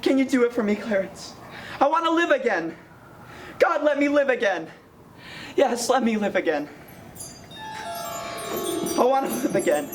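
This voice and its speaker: A man plays a desperate husband on a stage, begging and demanding by turns. His voice sits high and swings widely in pitch, with a faint hiss in the background. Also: animated, normal speed, long pauses. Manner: pleading, frantic. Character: desperate young husband at wit's end. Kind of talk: amateur stage acting.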